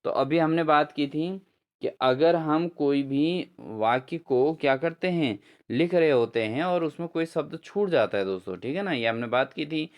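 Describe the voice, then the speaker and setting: A man's voice: a little high, expressive, normal speed. A man teaching an exam-prep grammar lesson, asking his own questions and answering them, with repeated friendly address to viewers. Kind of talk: lesson explaining quiz answers.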